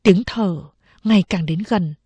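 A woman calmly narrating a novel as an audiobook reader, in a steady storytelling manner. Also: on the low side, a little slow, husky, no room sound.

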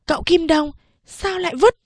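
A woman's voice: sits high, moderate pace, a little mellow, dry recording, clean studio sound, pitched above the performer's own voice, natural voice. A woman voicing an eager young boy who coaxes and pleads with his uncle in an audiobook. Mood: worried. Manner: urgent, coaxing. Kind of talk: audiobook character voice.

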